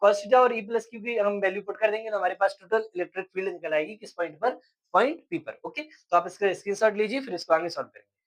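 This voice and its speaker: A man's voice: high voice, fast, poor audio. A man teaching a physics lecture step by step, asking questions and answering them himself. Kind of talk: classroom lecture.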